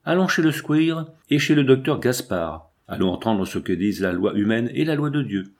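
A man's voice: on the low side, lively intonation, normal speed, darkish tone. A man voicing a hesitant, pleading husband. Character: anguished, easygoing husband, pleading.

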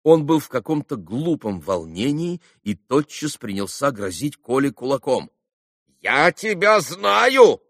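Animated male audiobook narrator. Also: medium pitch, normal speed, hardly any pauses, no echo, clean studio sound. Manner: animated, theatrical.

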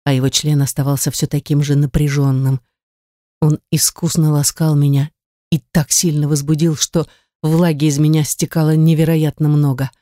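Brief: female audiobook reader, mellow and dark, dry close read, intimate storytelling. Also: low voice, little pitch movement, moderate pace, dry recording. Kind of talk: first-person erotic audiobook narration.

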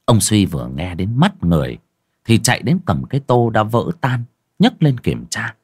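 Male horror narrator, husky and dry-sounding, wide expressive pitch. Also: normal speed, dry recording. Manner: dramatic, suspenseful storytelling. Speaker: audiobook narrator.

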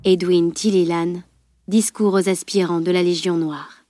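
A woman reading a fantasy novel aloud in a steady, measured storytelling voice. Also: lowish voice, music in the background. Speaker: audiobook narrator. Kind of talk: scripted audiobook narration.

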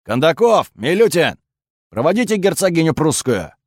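A man voicing a gruff, irritable male security colonel who barks his orders with exasperation. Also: a little high, big pitch swings, normal speed, no echo, clean studio sound, pitched above the performer's own voice. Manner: barking, exasperated.

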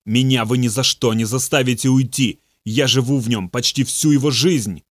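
A man voicing a boastful male demon speaking through a possessed youth, in a slow, low, gloating way. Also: dry recording, studio quality, lightly acted.

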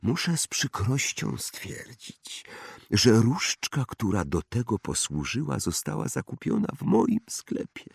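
Eerie old wandmaker for a storybook reading, hushed and slow, higher than the male reader's own voice. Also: sing-song, creaky, slightly rough, no room sound, studio quality, full character voice. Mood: musing hushed. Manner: slow, hushed, drawn-out musing.

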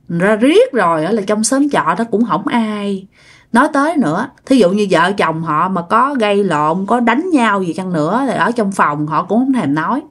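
A woman's voice: medium pitch, breathy edge. A woman telling a ghost story in a conversational way, speaking straight to her listeners. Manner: conversational, addresses listeners directly. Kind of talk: spoken ghost story narration.

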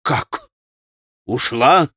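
A man voicing a desperate, frantic strong young man who pleads and shouts in an audiobook. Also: lowish voice, moderate pace, no room sound, clean studio sound. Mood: urgent. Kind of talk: audiobook character voice.

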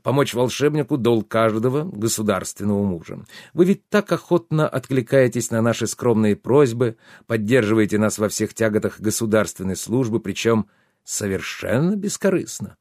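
A man's voice: on the low side, animated, normal speed, darkish tone, no echo, studio quality. A man voicing a jovial, sly, plump baron who talks effusively in an audiobook. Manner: effusive, exclamatory, fawning.

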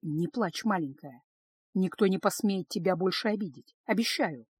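A woman narrator lowers her voice to play a stern male snake-lord, quiet and grave, gentle with his little daughter. The voice is hushed and recorded dry and close. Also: expressive, normal speed, breathy edge, no echo. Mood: tender. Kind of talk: audiobook character voice.

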